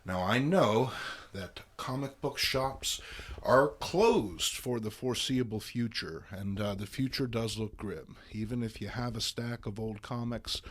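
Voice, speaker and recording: Hosting a comic book reading, this man delivers a theatrical introduction and dramatic storytelling with mock grandeur. He has a mid-range, fairly bright voice and takes his time.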